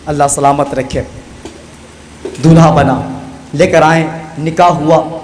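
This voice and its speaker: A man from India preaching an emotional storytelling sermon, repeating phrases, prompting his listeners to respond and rising to sung shouting. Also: a little high, steady tone, a little hiss or hum. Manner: repetitive, impassioned, rises to sung shouting. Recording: live gathering with audible crowd.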